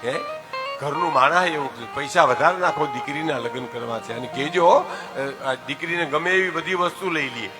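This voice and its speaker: An older man from telling a folk tale, addressing his listeners directly and swinging between soft asides and loud exclamations. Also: fairly high pitch, moderate pace, over music. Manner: lively storyteller, often addresses listeners as "saheb". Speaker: folk storyteller.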